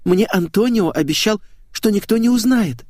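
A man's voice: sits high, expressive, moderate pace, a little mellow, no room sound, voice pushed up. A man voicing a whiny, scheming young woman who fakes tears and pleads, in a dry studio audiobook reading. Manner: whining, pleading.

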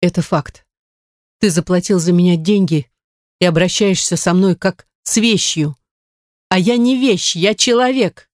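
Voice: mid-range voice, fairly even intonation, moderate pace, a little mellow, no room sound, studio quality, close to an everyday voice. A reader voicing a frightened young wife in an audiobook, pleading and defiant by turns. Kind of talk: audiobook reading.

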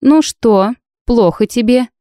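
A woman's voice: a little high, slow, warm tone, no room sound, clean studio sound, pitched above the performer's own voice. Woman voicing a sly old witch. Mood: wry teasing.

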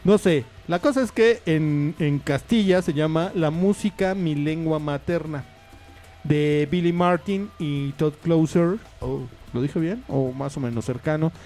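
A Mexican radio host with a somewhat high, unhurried, slightly mellow voice chats casually on his community show. He rambles along with lots of fillers and asides as faint music plays in the studio.

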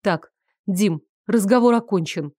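A woman's voice: mid-range voice, a little slow, darkish tone, breathy edge, no echo, studio quality. A woman reading the part of a firm young woman who speaks curtly, through gritted teeth. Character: firm, cold young woman ending an affair.

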